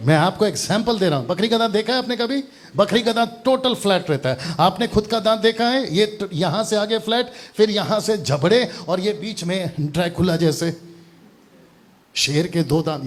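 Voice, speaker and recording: A man preaching a lively sermon at a conference, teasing the crowd and acting out quotes in playful voices. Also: high voice, normal speed. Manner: animated, teasing, acts out quotes. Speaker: pastor. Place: conference hall.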